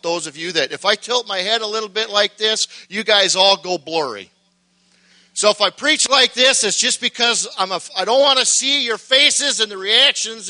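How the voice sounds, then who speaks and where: A middle-aged man with a high voice preaches a sermon, starting out folksy and joking before building to shouted fervor.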